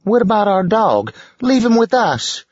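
A man's voice: sits high, sing-song, a little slow, slightly rough, dry recording, pitched above the performer's own voice, exaggerated voice. A man doing a plucky young boy, raised and firm. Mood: earnest. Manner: earnest, firm. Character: plucky young twin boy trying to sound grown-up. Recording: dull, muffled recording.

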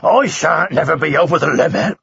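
A man voicing a stubborn old farmer with a gravelly, husky, drawling voice. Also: a little high, animated, fairly bright tone, no room sound, full character voice. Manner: slow, drawling and rustic. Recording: dry, slightly dull recording.

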